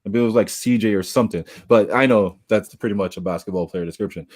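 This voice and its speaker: A man's voice: fairly low pitch, fast. A man co-hosting a casual podcast, telling stories with lots of laughter. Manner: laughs through his stories, animated retelling. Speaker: podcast co-host. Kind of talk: casual storytelling chat.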